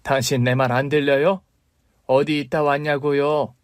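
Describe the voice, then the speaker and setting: A man's voice: mid-range voice, little pitch movement, moderate pace, clear, resonant tone, no room sound, studio quality, pitched above the performer's own voice, natural voice. A man voicing a struggling young mother in a story radio drama, pleading and reproachful toward her husband.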